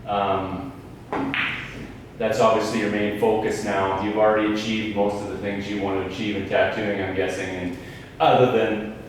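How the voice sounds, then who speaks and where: A man, a fellow tattoo artist, asking questions in a halting way with many ums and uhs during a casual chat over pool. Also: lowish voice, little pitch movement. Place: indoors at a pool table. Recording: echoey room, distant mic, faint background noise.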